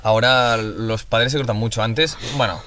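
A man from Spain with a Peninsular Spanish accent, chatting casually as a podcast co-host and sharing his views in a measured, hesitant way. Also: mid-range voice, steady tone, a crowd in the background. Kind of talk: casual chat.

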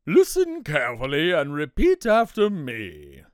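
A woman's voice: sits low, huge pitch swings, unhurried, no echo, clean studio sound, full character voice. A woman voicing a pompous, know-it-all elephant in a storybook reading. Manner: lecturing, huffy. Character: pompous, brainy elephant club leader.

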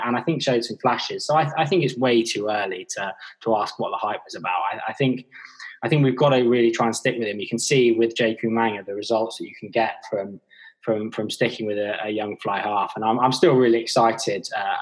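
A man's voice: medium pitch, breathy edge, low-quality recording. A man co-hosting a podcast, chatting casually about sport with some hesitant restarts. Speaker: podcast co-host.

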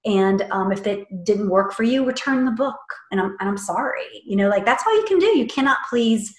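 Woman, podcast guest, casual chat, animated, laughs often, roomy echo. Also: medium pitch, brisk.

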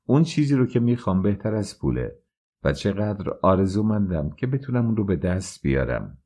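A man reading aloud plays a proud young actress who speaks her mind with open scorn. The voice stays low and mellow, a storybook heroine who will not be bought. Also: expressive. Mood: proud, scornful. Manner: scornful, frank.

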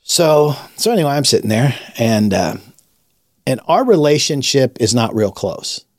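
A man's voice: medium pitch, sing-song, unhurried, no room sound, studio quality. Man telling a personal faith story. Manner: rambling, with many restarts and fillers. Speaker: podcast host and rabbi. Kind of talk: conversational storytelling testimony.

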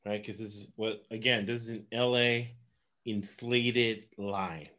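A man's voice: lowish voice, fairly even intonation, a little slow, pushed and bright. A man from Los Angeles giving casual sports betting picks, rambling and laughing often.

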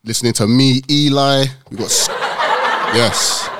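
A man's voice: medium pitch, fairly even intonation, a little slow, very noisy. A man with a London accent casually hosting a podcast, with everyday slang. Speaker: podcast host.

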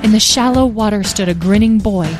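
A woman narrating a children's fantasy storybook with expressive, lively emphasis. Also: mid-range voice, fairly quick, music in the background.

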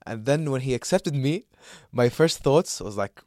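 A man's voice: medium pitch, lively intonation, moderate pace, mellow, no room sound, clean studio sound. A young man from Saudi Arabia co-hosting a podcast, chatting loosely with plenty of fillers, restarts and laughter. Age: young adult. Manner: rambling, laughs a lot, many fillers and restarts. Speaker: podcast co-host. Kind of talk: casual chat.

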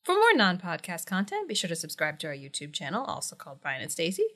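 A woman co-hosting a podcast in casual chat, animated and teasing, laughing often. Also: lowish voice, fast talker. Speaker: podcast co-host.

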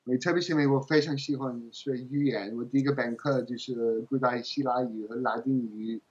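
A male native English speaker talks as a foreigner speaking Mandarin, with an English accent. His voice is on the husky side and middling in pitch. He chats casually as a guest, pausing for words and switching into English, and the sound is a little muffled. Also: fairly even intonation, a little mellow. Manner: halting, searching for words. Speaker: interview guest, game translator. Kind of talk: casual interview chat.

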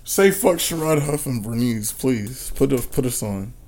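A young man co-hosting a podcast, loud and joking, swearing and laughing a lot. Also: mid-range voice, animated, measured pace, slight background noise. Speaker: podcast co-host. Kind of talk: casual podcast chat.

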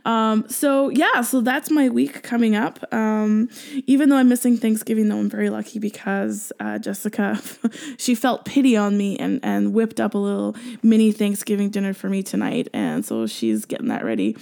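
A woman's voice: medium pitch, normal speed, creaky, darkish tone. A Canadian woman hosting a podcast solo, chatting casually and effusively in a rambling way full of asides. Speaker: podcast host.

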